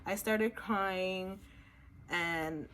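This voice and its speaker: A woman's voice: medium pitch, drawn-out words, fairly bright tone, a little hiss or hum. Young woman bluntly retelling a story. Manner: blunt, swears freely, talks in run-on recounting. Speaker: vlogger. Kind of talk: casual storytelling.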